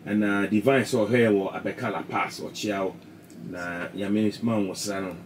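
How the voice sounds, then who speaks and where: Ghanaian radio host reading listener comments. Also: male voice, fairly low pitch, normal speed, slight background noise. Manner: steady, reads out comments with brief acknowledgements.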